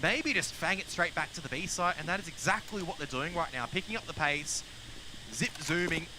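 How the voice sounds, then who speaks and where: A man's voice: on the high side, fairly quick. A man with an Australian accent commentating a live video game match in a laconic drawl. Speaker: esports commentator. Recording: clear game noise, gunfire and vehicles behind.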